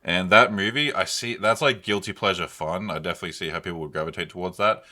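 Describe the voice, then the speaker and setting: Speaking fast in a deep, bright, forceful voice, this young podcast co-host chats loosely about films and games. His reviews are unscripted, slangy, and wander all over the place.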